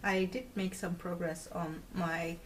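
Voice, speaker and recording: Speaking English as a second language, a twenty-something woman from the Netherlands chats to camera for her knitting podcast indoors in a small room at home, giggling and using lots of filler words. Her fairly low voice is measured and fairly even, sitting far from the mic with a little hiss or hum.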